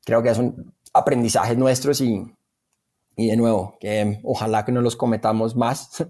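A man with a Colombian accent, a startup founder appearing as an interview guest, talks in a dark, steady, mid-range voice at a measured pace. His replies are casual and conversational, with words often repeated for emphasis.

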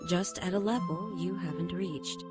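A woman voicing a solemn female storyteller who introduces her champion in calm, declamatory narration. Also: on the low side, moderate pace, close to an everyday voice. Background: loud music.

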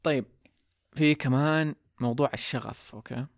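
A man's voice: mid-range voice, moderate pace, vocal fry, no room sound, studio quality. A man hosting a solo podcast, talking in a casual, reflective way and dropping in English words. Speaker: podcast host.

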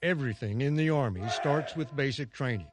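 A man's voice: mid-range voice, fairly quick, a loud crowd, heavy background noise. A man with an American accent reading scripted narration for a broadcast news report. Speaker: news correspondent.

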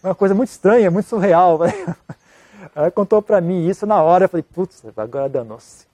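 A man, a monk answering an interview question in a casual, halting way with many restarts. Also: sits high, steady tone, dark tone, no room sound. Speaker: Buddhist monk giving advice.

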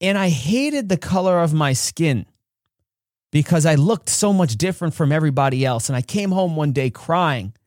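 A man's voice: animated, normal speed, darkish tone, dry recording, clean studio sound. Earnest man telling a personal story. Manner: earnest, acts out quotes with big jumps in pitch. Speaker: podcast host.

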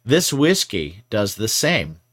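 Speaking slowly with a low voice and big swings in pitch, a man co-hosts a podcast. He chats casually, wandering off playfully and filling gaps with many fillers.

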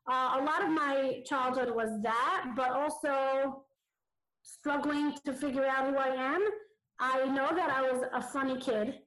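A woman's voice: high-pitched, fairly even intonation, measured pace, fairly bright tone. Comedian lady chatting, like, you know what i'm saying, audio all gurgly and underwater, echoey. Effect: muffled, warbly underwater-sounding audio. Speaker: comedian and entertainer, podcast guest. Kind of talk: casual interview chat. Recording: garbled, echoey remote audio.

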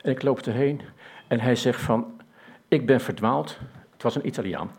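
Male storyteller, slightly husky voice, down-to-earth and conversational, hesitates and restarts often. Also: mid-range voice, fairly quick, a little mellow. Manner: plain, down-to-earth telling. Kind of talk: personal story told to an audience.

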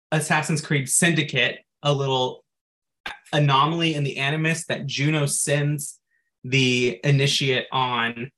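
A man's voice: medium pitch, a bit bright. A man co-hosting a podcast in casual chat, recapping game lore at length and dropping in frequent "like" asides. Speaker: podcast co-host.

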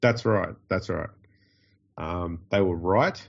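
A man's voice: deep voice, slow pace, creaky, muffled recording. A man with an Australian accent and a nasal, stuffed-up voice from a runny nose, hosting a podcast in casual, dryly joking banter. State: getting over covid with a runny nose. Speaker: podcast host.

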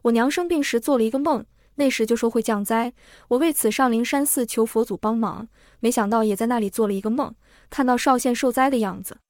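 A woman voicing a sorrowful but resolute young noble lady who speaks softly with sighs, in a story reading. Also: fairly high pitch, fairly quick, dry recording, clean studio sound, natural voice. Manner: soft, sighing, calm.

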